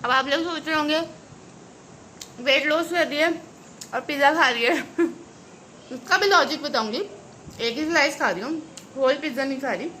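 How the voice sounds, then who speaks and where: A woman's voice: high voice, normal speed, pauses often, pushed and bright. A young woman and mother chatting casually in a home kitchen vlog, laughing often and mixing English into her Hindi. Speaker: vlogger and mother. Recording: noisy home recording.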